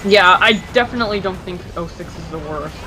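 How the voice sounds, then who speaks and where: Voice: mid-range voice, brisk, sharp tone, faint music behind, rough recording. A co-commentator on a gameplay video chatting casually over a voice call, teasing and mock-dramatic. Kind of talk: casual gaming chat. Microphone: voice call, connection drops.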